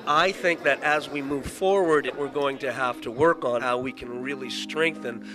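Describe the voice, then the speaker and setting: A man's voice: mid-range voice, normal speed, music in the background. Man searching for words, many restarts. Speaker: assistant professor. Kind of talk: documentary interview.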